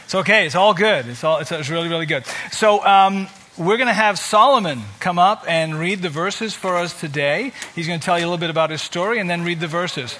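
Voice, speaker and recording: A man's voice: high-pitched, brisk, hardly any pauses, bright, forceful tone. A man leading a church service as pastor, introducing a speaker in a casual, joking way. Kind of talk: sermon introduction.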